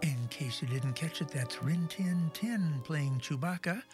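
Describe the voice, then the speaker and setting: A man's voice: a little high, unhurried. A man presenting as the host of a radio show. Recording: clear music behind the voice.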